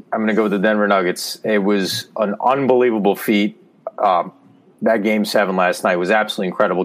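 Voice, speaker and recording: Excitable low-voiced sports co-host. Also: male voice. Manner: excited, repeats his phrases. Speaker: podcast co-host. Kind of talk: casual sports talk.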